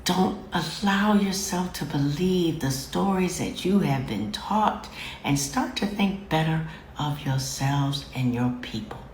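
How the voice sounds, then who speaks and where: A deep female voice with lively intonation, slow and darkish, comes through a roomy space with a little hiss or hum. The host of her own show, she offers direct-to-camera commentary, lecturing viewers warmly yet firmly, calling them babies and fam and repeating phrases for emphasis.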